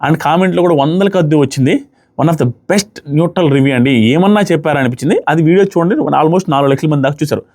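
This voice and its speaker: A man with a Telugu accent giving a fast, animated, casual review of a TV show, mixing in English words. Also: fairly high pitch.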